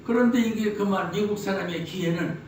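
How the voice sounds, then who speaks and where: A man's voice: high voice, a little fast. A man preaches a sermon. He spins jokey stories and fires off rhetorical questions. He is heard from a distance in a very echoey hall, with faint noise behind him. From Chungcheong, Korea. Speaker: pastor.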